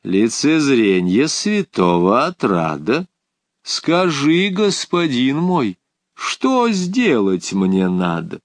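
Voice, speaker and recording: A man voicing a polite, measured king. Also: mid-range voice, wildly swooping pitch, no echo, full character voice. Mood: courteous. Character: mild, deferential king.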